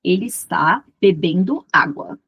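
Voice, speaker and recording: A woman's voice: lowish voice, animated, slightly rough, lo-fi sound. Patient Brazilian woman teaching grammar. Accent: Brazilian Portuguese. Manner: patient, repeats examples slowly. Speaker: English teacher. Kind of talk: explaining grammar rules.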